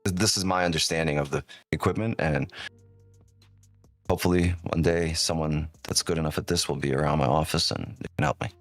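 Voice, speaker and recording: A man with a deep whiskey voice giving casual live-stream commentary, thinking aloud and often checking in with "right?", on a close microphone. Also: steady tone, a little fast, dry recording, faint music behind. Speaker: live trading streamer, host.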